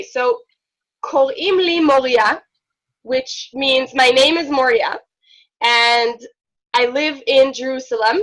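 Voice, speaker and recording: Israeli woman, high pitch, near-American accent; friendly instructor on a video call. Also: a bit bright, rough recording. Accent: slightly unusual American-sounding English, Israeli-born. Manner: friendly, measured, with many fillers. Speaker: Hebrew instructor. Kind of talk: online class introduction.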